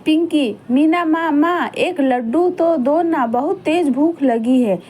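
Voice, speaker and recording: Give me a plaintive little girl in a kids story, as a woman puts her on, high and slow. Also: a little mellow, a little hiss or hum. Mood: pleading. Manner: pleading, plaintive. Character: sad pleading little village girl.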